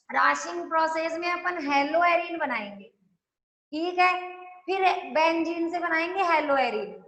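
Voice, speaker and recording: A woman's voice: very high voice, bright, forceful tone. Female chemistry teacher, step-by-step lecture, echoey room. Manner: explains step by step, keeps asking the class if they follow. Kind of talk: classroom lecture.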